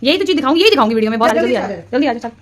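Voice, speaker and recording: A young woman vlogging her day at home and at her coaching class, teasing and scolding family members in a lively, playful way, filmed on a handheld phone. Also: a little high, very fast, a crowd in the background. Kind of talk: casual daily vlog narration. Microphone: phone camera, handheld. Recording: loud background noise on phone recording.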